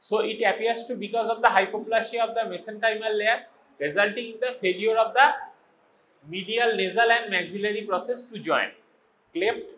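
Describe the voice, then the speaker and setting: Bright-voiced Bengali man lecturing slowly. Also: high-pitched, slight background noise, rough recording. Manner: mixes English and Bengali, quizzes students informally. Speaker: medical college lecturer. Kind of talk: classroom lecture.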